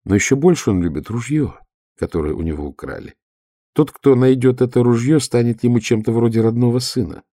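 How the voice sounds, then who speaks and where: A man's voice: mid-range voice, a little fast, dark tone, no echo. A man reading a first-person story in a composed, dry storytelling manner. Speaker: audiobook narrator. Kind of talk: first-person audiobook narration.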